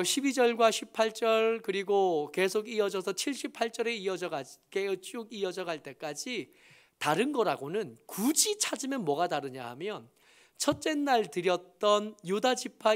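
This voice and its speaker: Busan-accented male preacher, slightly high pitch, patient teaching delivery with hesitations and emphatic rises. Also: lively intonation, unhurried. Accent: Busan Gyeongsang. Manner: explanatory, many fillers, rises in emphasis. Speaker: pastor. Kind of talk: sermon.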